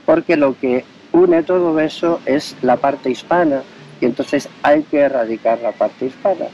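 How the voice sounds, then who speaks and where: A man's voice: medium pitch, a little slow, mellow. A man from Spain conducting a street interview outdoors, asking leading questions and explaining his points at length. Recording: dull audio with faint street noise.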